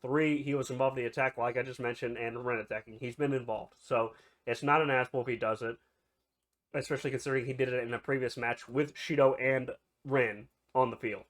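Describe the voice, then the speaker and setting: A man's voice: medium pitch, a bit bright. A man with a nasal, stuffed-up voice from a cold, casually talking viewers through his review and predictions, often restarting his sentences. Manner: rambling, self-correcting, speaks straight to viewers. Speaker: anime and manga reviewer. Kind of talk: casual chapter review commentary.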